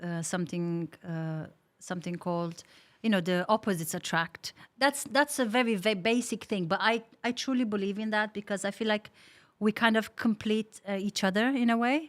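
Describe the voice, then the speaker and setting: A woman's voice: mid-range voice, fairly even intonation, moderate pace, hardly any pauses. A woman from Romania with a Romanian accent, co-hosting a casual podcast and chatting agreeably, often laughing. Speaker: podcast co-host.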